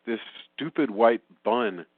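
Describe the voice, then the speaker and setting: A man hosting a casual film review podcast, talking in an animated, rambling way with many restarts. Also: mid-range voice, slow pace. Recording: phone-like remote call line.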